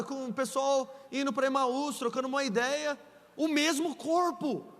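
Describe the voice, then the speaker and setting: Pastor guy, really high voice, jokey storytelling sermon, long church echo. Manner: playful, animated storytelling, acting out dialogue. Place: large church hall. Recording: echoey church hall with long reverb.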